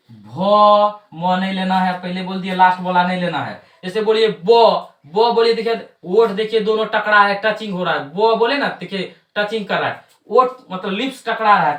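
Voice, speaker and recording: A man's voice: sits high, a bit bright. A male coaching teacher gives an exam lesson, drilling points by chanting them over and over. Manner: repetitive drilling, chant-like recitation. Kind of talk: classroom lesson on Hindi phonetics. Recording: roomy echo, mic at a distance.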